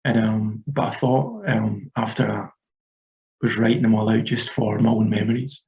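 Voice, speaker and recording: A man's voice: lowish voice, normal speed, gravelly, darkish tone. A Scottish man in his thirties, an author talking through his writing in a hesitant, rambling way with many fillers. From Scotland. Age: 30s. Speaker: author being interviewed. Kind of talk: casual interview chat. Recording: dull lo-fi audio.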